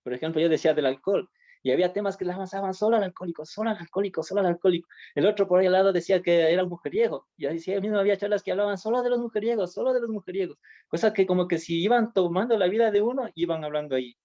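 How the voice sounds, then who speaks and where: Man, earnest testimony, repeats phrases, mellow dark voice, dull lo-fi audio. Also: high voice, rapid-fire. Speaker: interview guest. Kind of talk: personal testimony in casual conversation.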